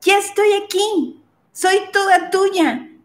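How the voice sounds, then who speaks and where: A high, giddy young woman, put on by a woman telling a story talks in a breathless rush of lovestruck eagerness. Her voice sits near the top of her range. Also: measured pace. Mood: pleading.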